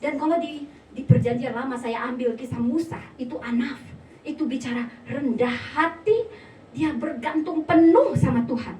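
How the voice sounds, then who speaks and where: A high-pitched woman pastor preaches with lively, playful humor, slipping into small comic voices. She sounds a little way off from the mic, and her voice rings through an echoey church hall over a faint room hum. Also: moderate pace, far from the mic. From North Sumatra, Indonesia. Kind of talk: sermon.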